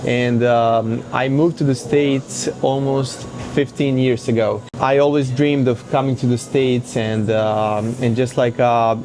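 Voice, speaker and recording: A man in his thirties from Serbia, speaking as a café-owner guest in a casual interview, pausing often with fillers. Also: mid-range voice, steady tone, crowd noise. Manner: hesitant, many fillers.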